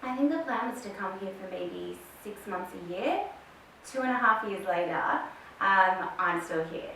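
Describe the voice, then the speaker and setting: This podcast guest, a woman in her thirties with an Australian accent, has a gravelly, pushed, bright voice at medium pitch and normal speed. She tells her story in a casual interview, using many fillers. The mic is distant in an echoey room, with faint hiss.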